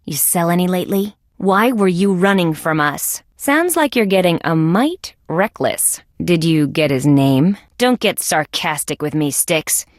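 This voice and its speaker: Her voice sits on the low side with lively intonation, a little slow and with few pauses, as she performs scripted detective banter for a video game. She plays a tough, sardonic, wisecracking female insect police detective, and the studio recording is dry and clean.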